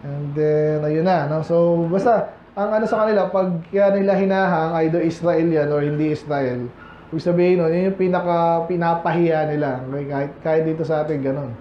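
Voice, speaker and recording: A man from the Philippines, a pastor, preaches conversationally at a moderate pace in a fairly high voice with fairly even intonation, questioning his congregation during a Sunday afternoon sermon in a church hall. The echoey, slightly dull audio carries a little hiss or hum.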